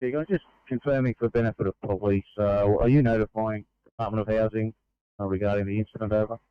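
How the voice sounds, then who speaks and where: Male dispatcher on a two-way radio, formal procedure, low smooth voice through a thin radio line. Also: fairly even intonation, quick pace, no room sound. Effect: over a two-way radio. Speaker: emergency dispatcher. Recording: tinny two-way radio channel.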